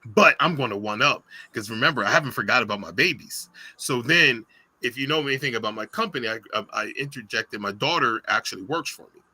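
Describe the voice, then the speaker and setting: A man's voice: mid-range voice, animated, fast, bright, forceful tone, breathy edge, no echo, poor audio. A middle-aged man guest on a podcast, telling a personal story in a casual, emotional way, with many restarts and acted quotes. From United States. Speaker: podcast guest, business founder.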